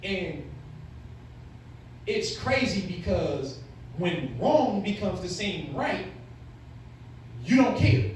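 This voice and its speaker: A man in his late thirties speaks bluntly and candidly to young people as a motivational speaker, hammering points home with rhetorical questions. His high-sitting voice is expressive and very slow, with frequent pauses. He's far from the mic in a very echoey room with faint noise.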